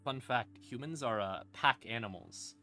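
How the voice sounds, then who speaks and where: A man with a mid-range, bright and forceful voice talks through lore on a stream at a measured pace. He keeps it casual, unscripted and irreverent, cursing freely. Ambient music runs in the background beneath his voice.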